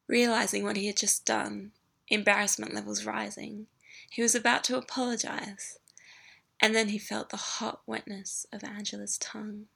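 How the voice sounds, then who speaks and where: Woman whispering a story, whispered role-play, husky and gravelly, pretty flat. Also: mid-range voice, moderate pace. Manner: hushed breathy narration, often whispered. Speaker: story narrator.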